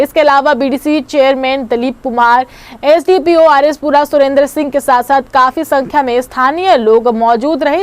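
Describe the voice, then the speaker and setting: A woman anchor reads the news in a formal, measured way. Her voice is high. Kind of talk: scripted news reading.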